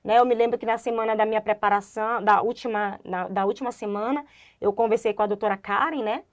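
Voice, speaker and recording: A young woman doctor, a guest in a casual interview, telling her story in an animated way and acting out the voices of people she quotes. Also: fairly high pitch, fast.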